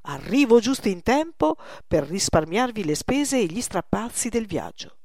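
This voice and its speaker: A woman's voice: mid-range voice, big pitch swings, moderate pace, gravelly, a little mellow, no room sound, studio quality. A woman voicing a male painter, coaxing and emphatic. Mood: persuasive. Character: middle-aged male painter, persuasive.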